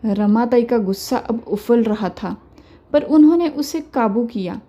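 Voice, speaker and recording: A woman telling a family story in scripted narration, with plain, steady delivery. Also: fairly high pitch, measured pace.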